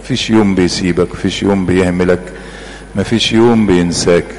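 A man's voice: deep voice, steady tone, quick pace, darkish tone, long reverb tail, a little hiss or hum. A man with an Egyptian Arabic accent preaching a sermon, earnest and emphatic, repeating his phrases.

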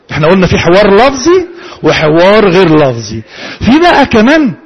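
A man with an Egyptian Arabic accent lectures a room, his high voice carrying a husky, breathy grain. He keeps putting questions to his listeners and then answering them himself. The delivery has the steady rhythm of a classroom talk. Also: rough recording. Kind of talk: interactive lecture to a live audience.

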